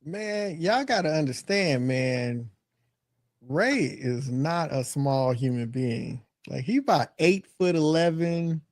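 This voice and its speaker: A man's voice: on the high side, animated, a little mellow, dry recording. A man co-hosting a podcast, joking and laughing in casual banter. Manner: joking, laughing, drawn-out emphasis. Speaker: podcast co-host.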